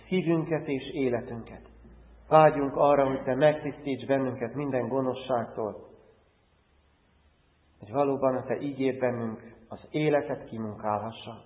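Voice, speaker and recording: A man pastor preaching and leading a prayer in a church, in an earnest, rhythmic preaching cadence. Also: medium pitch. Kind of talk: sermon and spoken prayer. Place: church hall. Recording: tinny phone-like sound with long church reverb.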